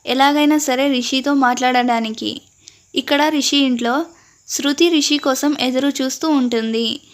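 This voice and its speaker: A woman's voice: high-pitched, fairly even intonation, normal speed. A woman with a Telugu accent narrating a family story and reading each character's lines in her own voice.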